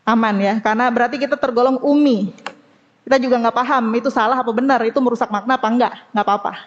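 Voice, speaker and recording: A woman teaching Quran recitation to a study group, slowly demonstrating sounds and asking the class to repeat after her. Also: on the high side, in a large hall, lo-fi sound. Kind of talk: women's study group lesson.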